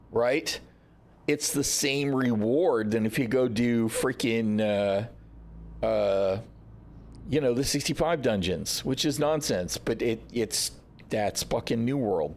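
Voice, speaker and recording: A man hosting a gaming livestream, ranting casually with sarcasm and frequent swearing. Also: mid-range voice. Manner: frustrated, sarcastic, swears often. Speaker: livestream host.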